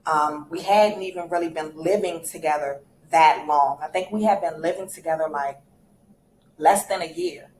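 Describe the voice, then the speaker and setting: A woman's voice: sits low, moderate pace, a little mellow, roomy sound, a little hiss or hum, low-quality recording. A woman in her thirties telling a candid, reflective personal story in a casual storytime vlog. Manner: candid, reflective, many fillers and restarts.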